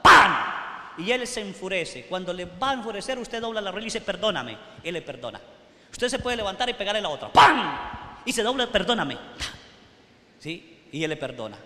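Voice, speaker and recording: A man's voice: high-pitched, a bit bright. A male priest, preaching a sermon at a retreat. He tells stories and keeps checking in with the audience. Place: large hall at a retreat. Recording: echoey hall, faint noise.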